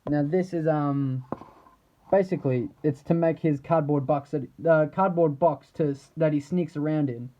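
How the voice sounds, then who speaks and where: A man giving a casual, unscripted product showcase as an action figure reviewer, rambling haltingly and trailing off mid-thought. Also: a little high, dark tone, muffled recording.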